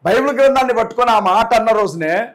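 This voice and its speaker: A man giving an interview as a guest, speaking forcefully and indignantly, repeating his points and addressing the interviewer respectfully. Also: very high voice, fast. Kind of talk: heated interview talk.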